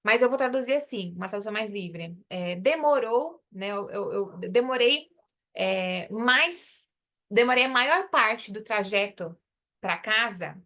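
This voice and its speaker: A woman's voice: medium pitch, lively intonation, unhurried, fairly bright tone. A woman teaching an English lesson online, explaining patiently and repeating phrases to drill pronunciation.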